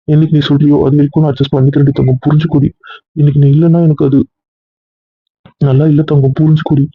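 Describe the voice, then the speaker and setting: Give me a man playing an anxious husband who pleads and pushes, talking fast, in a dry, phone-like recording. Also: fairly high pitch, slightly rough, no room sound. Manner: pleading, then heated and insistent. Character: worried, possessive young husband. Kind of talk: amateur serial drama acting.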